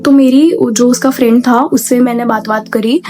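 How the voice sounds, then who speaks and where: Young woman, slightly high and mellow, chatty exasperated storyteller mixing Hindi and English. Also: fairly even intonation, moderate pace, soft background music. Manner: exasperated retelling. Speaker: storytime vlogger. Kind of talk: casual storytime.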